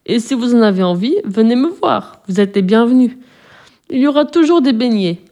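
A woman voicing a gentle green witch. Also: a little high, lively intonation, moderate pace. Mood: warm.

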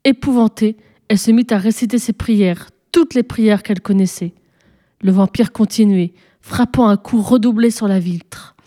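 A woman narrating a folk tale expressively, slowing and hushing her voice at tense moments. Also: medium pitch. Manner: expressive, dramatic pacing, hushed at tense moments. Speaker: storyteller. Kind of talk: scripted story narration.

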